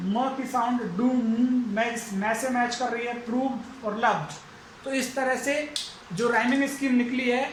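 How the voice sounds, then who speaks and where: A man's voice: extremely high pitch, fairly bright tone, echoey room, a little hiss or hum, poor audio. A man teaching an English lesson, going through it methodically and repeating each step aloud. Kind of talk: explaining a lesson.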